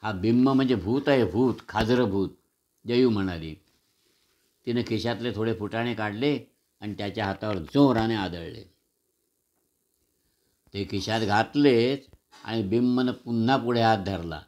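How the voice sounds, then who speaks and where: A man reading a children's story aloud in a measured, expressive way, sometimes clearing his throat. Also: fairly low pitch, highs cut off.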